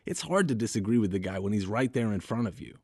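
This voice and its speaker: A man's voice: lowish voice, expressive, fast, darkish tone, slightly rough, no room sound, studio quality. A man hosting a podcast, reading scripted narration in a wry, conversational way. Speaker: podcast host.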